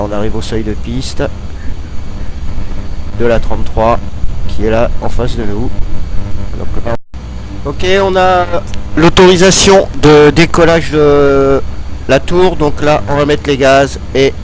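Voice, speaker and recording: A man's voice: medium pitch, takes it slowly, pauses often, slight background noise, rough recording. A man giving a casual, hesitant, step-by-step pilot's commentary on a flight.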